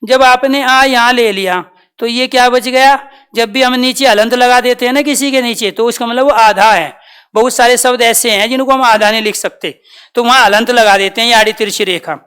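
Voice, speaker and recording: Woman teacher with a bright, smooth voice who drills students with questions and answers them herself. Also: on the high side, fairly even intonation. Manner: patient, repeats terms slowly. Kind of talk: classroom grammar lesson.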